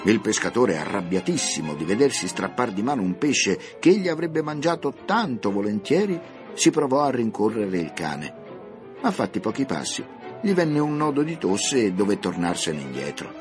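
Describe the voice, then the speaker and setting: Expressive low-voiced male storyteller over music. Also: moderate pace. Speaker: narrator. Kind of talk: storybook narration for radio.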